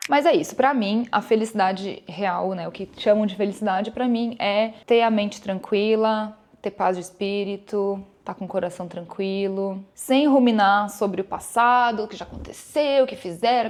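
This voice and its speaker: Chatty Brazilian woman podcaster. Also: fairly high pitch. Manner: chatty and reflective, calls listeners "gente", acts out inner dialogue. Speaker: podcast host. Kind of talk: casual solo podcast talk.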